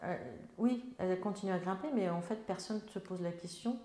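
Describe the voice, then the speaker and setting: A woman's voice: on the low side, fairly quick, mellow, reverberant. A woman, an elected member of parliament, answering interview questions in a hesitant way with many fillers and restarts.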